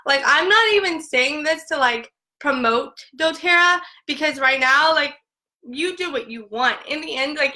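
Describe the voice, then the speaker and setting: Young woman, high bright voice; filler-heavy, emotional phone live rant. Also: low-quality recording. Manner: filler-heavy, repeats "like" constantly. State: tearful at times. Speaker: essential oils seller.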